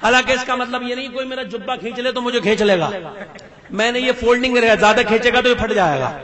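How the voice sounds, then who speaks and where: A man preaching at a religious conference, chanting and shouting his high points and urging the crowd to call back. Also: roomy sound. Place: large conference before a crowd. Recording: loud crowd noise behind.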